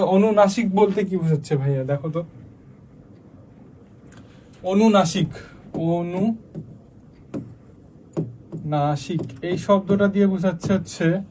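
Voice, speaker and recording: A teacher walks through the rules step by step, checking in with the class as he goes. His voice sits fairly high for a man. A faint noise runs under the recording. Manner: explains step by step, asks the class questions. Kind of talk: online exam-prep lesson.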